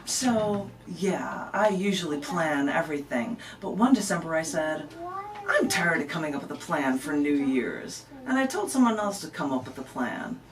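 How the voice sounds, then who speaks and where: Speaking as an interview guest in a radio studio, a poet from the American Midwest tells stories in the emphatic, conversational style of live spoken word. Her low-pitched voice is expressive and moderately paced, and a distant camera mic captures it.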